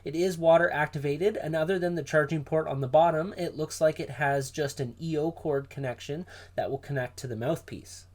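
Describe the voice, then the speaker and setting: A man's voice: a little high, fairly even intonation, fairly quick, hardly any pauses, a little mellow. A man hosting a product unboxing, explaining gear directly to viewers in a presenter's style. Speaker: host of a diving gear review channel.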